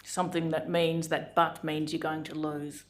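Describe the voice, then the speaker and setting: A woman, a judge giving a formal lecture in a measured, deliberate way with frequent pauses. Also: deep voice, level tone. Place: lecture room.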